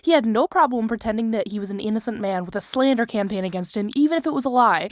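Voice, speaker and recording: A woman's voice: a little high, expressive, fast talker, no echo. Woman, commentary host, blunt and scornful, dry close sound. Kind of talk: scripted commentary narration.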